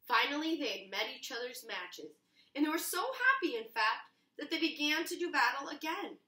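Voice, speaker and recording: Her high, bright, pushed voice fills the kitchen as a young teacher reads a storybook aloud expressively for children. A distant mic across the room picks up a roomy echo.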